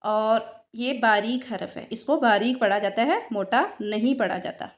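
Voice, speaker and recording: A woman's voice: on the high side, unhurried. A woman teaching Quranic pronunciation, patiently drilling sounds and repeating examples with frequent check-ins. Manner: checks in with "ठीक है" often. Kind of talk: tajweed lesson.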